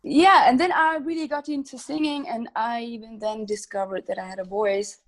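A woman's voice: a little high, moderate pace, poor audio. Hesitant young woman from Switzerland. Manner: hesitant, many ums, laughs between thoughts. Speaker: singer, podcast guest. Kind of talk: casual interview answers.

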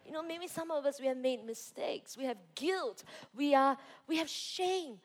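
A young woman gives a youth sermon and tells a personal story, acting out her own reactions as she goes. Her voice sits high, and she swings between hushed, tender moments and loud, excited bursts. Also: normal speed. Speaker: youth pastor.

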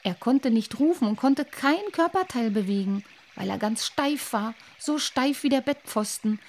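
A woman reading a children's story aloud with expressive, lively narration. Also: on the high side, unhurried.

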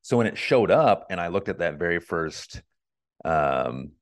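Deep-voiced man, casual podcast co-host. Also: expressive, unhurried. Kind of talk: casual chat.

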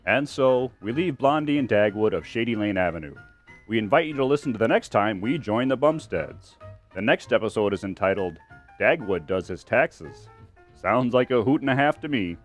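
A man's voice: fairly low pitch, expressive, normal speed, soft background music. A man giving a scripted radio-style announcement as the show's announcer.

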